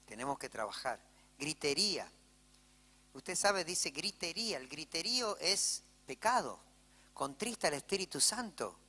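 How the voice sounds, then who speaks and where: A man's voice: on the high side, sharp tone. A male pastor with an Argentine Spanish accent preaching a sermon in church, telling stories conversationally and checking in with "¿sí?". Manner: conversational storytelling, frequent "¿sí?" asides to the congregation. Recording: church hall reverb.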